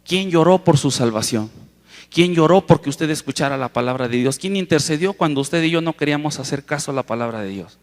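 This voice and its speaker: A man's voice: a little high, animated. A man preaching a sermon to a congregation, impassioned, repeatedly calling them "brother" and drawing out key words for emphasis. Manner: impassioned, keeps addressing the congregation as "hermano"; stretches key words slowly for emphasis, with sudden loud rises. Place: large auditorium with long reverb. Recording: reverberant hall sound.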